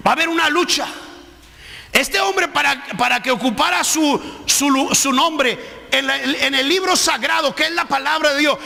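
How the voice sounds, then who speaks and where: A male pastor, preaching a sermon with animated delivery and shouted emphasis, recorded live in a church hall. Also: very high-pitched, gravelly. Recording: live stream with long hall reverb.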